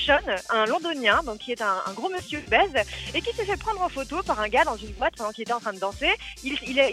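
A woman's voice: a little high, sharp tone. A woman giving a playful, teasing web news column on radio, joking as she talks. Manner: playful, teasing, quick talk with laughs.

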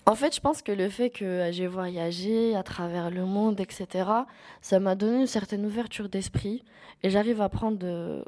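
A woman's voice: lowish voice, a little mellow. A teenage girl giving a frank, firm personal testimony with some hesitations, recorded live before an audience. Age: late teens.

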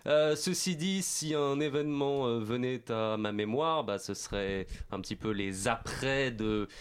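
A man's voice: medium pitch, a little slow, clean tone. A man on a comic radio panel, ironic and dry, speaking with hesitations. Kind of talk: casual comic radio chat.

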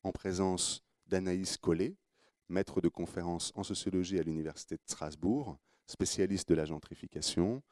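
A man's voice: low-pitched, fairly even intonation, normal speed, darkish tone, no echo, studio quality. A man with an English accent hosting a radio panel, introducing guests with frequent hesitations. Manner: hesitant, many fillers and restarts. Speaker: radio host.

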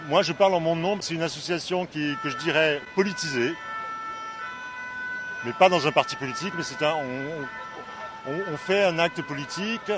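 A man's voice: a little high, moderate pace, over music. A man talking earnestly about volunteering as a French teacher, hesitating and restarting his sentences. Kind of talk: personal testimony. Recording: noisy street recording.

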